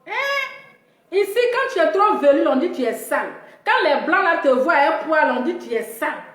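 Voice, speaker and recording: Woman from africa, comic storytelling, high voice, echoey room. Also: moderate pace. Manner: animated, mimics other people in high squeals. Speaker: comedian telling a story.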